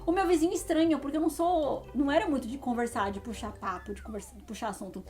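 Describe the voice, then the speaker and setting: A woman's voice: sits high, quick pace, faint music behind. A woman, chatting casually to viewers as she tells a personal story. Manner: chatty, animated, addresses viewers directly.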